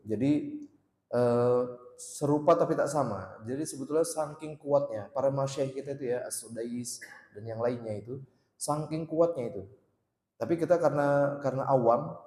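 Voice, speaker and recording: A man teaching Quran recitation at a mosque study circle, drilling letter sounds by repeating them slowly and loudly. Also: mid-range voice. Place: mosque hall. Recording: echoey mosque hall with long reverb.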